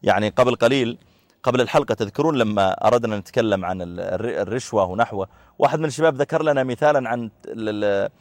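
Male religious teacher, quick conversational delivery, uses everyday examples, dry recording. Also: mid-range voice, dry recording. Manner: explains through everyday examples, with frequent filler pauses.

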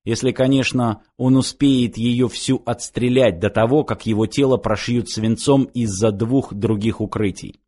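A man narrating an audiobook in an even, measured storytelling manner. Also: mid-range voice.

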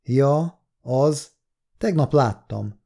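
A man's voice: mid-range voice, animated, gravelly, warm tone, slightly rough, voice pushed up. Brief: chatty, caring young woman colleague, read by a man, eager and a bit gossipy, storybook voice. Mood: sympathetic, chatty.

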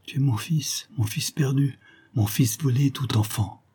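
A man's voice: mid-range voice, unhurried, dark tone, husky, voice pushed up. A man playing an old miserly prosecutor. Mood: pleading. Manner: blustering, pleading. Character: old miserly male prosecutor, frightened then tearful.

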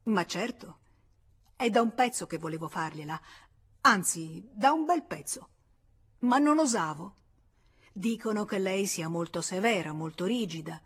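A woman's voice: mid-range voice, animated, unhurried, pauses often, breathy edge. A woman reading an audiobook, voicing an ardent young man who pleads passionately and insistently. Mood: pleading.

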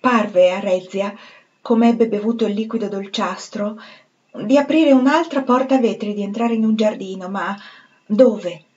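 Lady reading a novel aloud, measured and expressive, mid pitch, slightly dull lo-fi audio. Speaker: reader.

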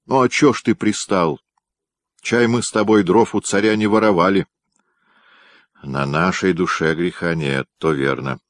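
A man voicing rough, common palace guards in a read-aloud historical story, with folksy peasant talk in a raised voice. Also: low-pitched, unhurried, no room sound, clean studio sound. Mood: grumbling. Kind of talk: audiobook reading.

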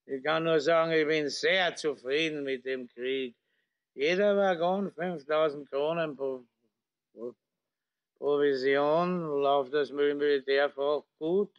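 A man's voice: a little high, smooth, highs cut off. A man playing a drunken, boastful, corrupt Austrian lieutenant colonel, slurring and repeating himself like a town drunk in a satirical reading. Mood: smug drunken rambling. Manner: slurred, rambling town-drunk babble, repeating and breaking off words.

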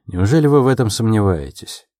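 A calm, earnest young sleuth in love, as the male narrator plays him in an audiobook. He speaks in a low, mellow voice, quietly and in measured phrases. The sound is close and dry. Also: no echo, lightly acted. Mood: reassuring.

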